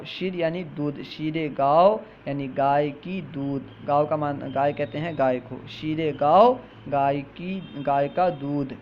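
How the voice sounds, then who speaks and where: A man teaching a grammar lesson, who reads each example slowly, repeats it and then explains it. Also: a little high, lo-fi sound, slight background noise.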